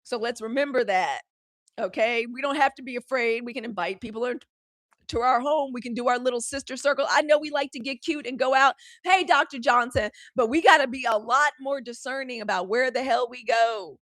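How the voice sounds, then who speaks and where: A woman in her forties hosting a live news stream, chatting straight to her viewers in a lively, candid way. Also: a little high, brisk, dry recording, studio quality. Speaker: host of a live news show. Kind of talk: casual live-stream commentary.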